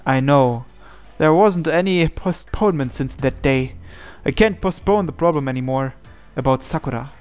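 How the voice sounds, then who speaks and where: With the game's background music audible, a gaming channel host gives a dramatic reading of visual novel narration. He has a fairly high, slightly mellow, clean voice and keeps a moderate pace.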